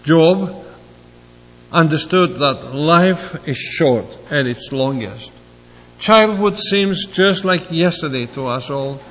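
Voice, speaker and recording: A man in his seventies from Greece, giving a halting, reflective sermon with personal asides. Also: fairly high pitch, lively intonation, a bit bright, big-room sound. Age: 70s. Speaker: preacher.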